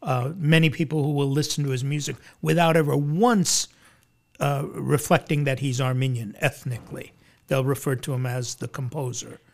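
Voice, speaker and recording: Gravelly-voiced male interview host. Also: medium pitch, steady tone, moderate pace. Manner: courteous, with fillers and repetitions. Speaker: radio show host, interviewer. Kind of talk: interview questions.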